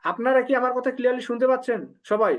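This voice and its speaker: Bangladeshi guy teaching an online class, says sounds slow so everyone repeats, bit muffled audio. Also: extremely high pitch. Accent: Bangladeshi Bengali. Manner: slow drilling, repeating syllables for students to echo. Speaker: language teacher.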